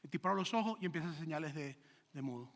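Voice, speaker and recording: Bright-voiced pastor preaching in a hall. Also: male voice, a little high, racing, creaky. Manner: animated preaching with rhetorical questions and acted-out anecdotes. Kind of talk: sermon. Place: church sanctuary.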